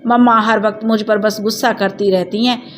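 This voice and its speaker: A woman voicing a lively, cheeky young girl who pleads and grows tearful in a storybook reading. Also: medium pitch, moderate pace, a little hiss or hum, natural voice. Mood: upset. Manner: chirpy, pleading, tearful when scolded.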